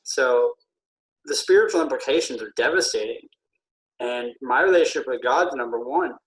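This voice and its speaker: A man who is feeling ill, a military veteran speaking earnestly and haltingly with many pauses in a casual podcast conversation. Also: medium pitch, poor audio.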